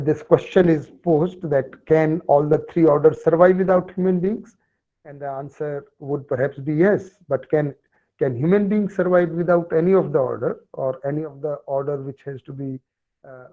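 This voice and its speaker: A man with a North Indian accent giving an extempore online lecture in a halting, hesitant manner. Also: mellow. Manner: halting, with many long hesitations. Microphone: online call on a phone. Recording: dull, low-fidelity online call audio.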